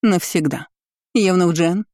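A man's voice: on the high side, normal speed, a little mellow, no room sound, studio quality, natural voice. A man voicing a spiteful, scheming middle-aged empress who sneers and snaps orders, in an audiobook reading. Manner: sneering, imperious, snapping orders.

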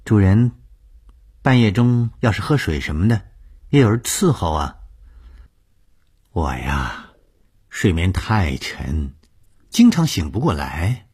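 A man's voice: low-pitched, very animated, slow pace, long pauses, a little mellow, breathy edge, voice pushed up, exaggerated voice. A man putting on a scheming lady of the house. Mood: coaxing.

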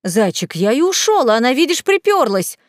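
A woman's voice: high voice, very animated, normal speed, no room sound, studio quality. A woman voicing a burly man who barks orders and turns whiny and fawning with his lover. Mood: pleading. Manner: barking, then whiny and fawning. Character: burly man, blustering then wheedling.

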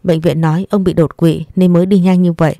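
A woman's voice: fairly low pitch, little pitch movement, brisk, warm tone, no echo, clean studio sound, close to an everyday voice. A woman voicing a grieving middle-aged aunt in a spoken story, talking in a plaintive, lamenting way.

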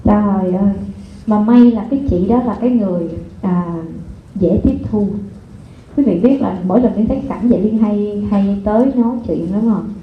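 A woman gives a seminar to a live audience. She keeps asking the listeners rhetorical questions. Her voice sits at a middle pitch and carries a strong hall echo through a thin, phone-like recording with faint noise. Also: moderate pace. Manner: lively, addresses the audience with repeated rhetorical questions. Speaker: parenting seminar speaker. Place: lecture hall before an audience.

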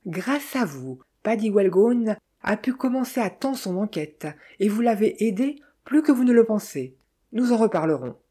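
A woman's voice: mid-range voice, animated, normal speed, dark tone, breathy edge, voice pushed up. A woman reading the lines of a mocking, good-humored male detective in an audiobook, with a wry, teasing manner.

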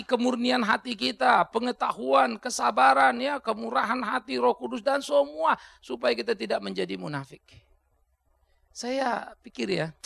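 A male pastor preaching a sermon in a colloquial way, swinging between hushed asides and loud outbursts. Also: high-pitched, creaky, no echo.

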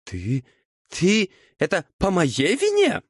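A man voicing a grumpy, outraged male devil who shouts shrilly in an audiobook. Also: sing-song, unhurried, dry recording, studio quality. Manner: shrill, exasperated outbursts. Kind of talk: audiobook character voice.

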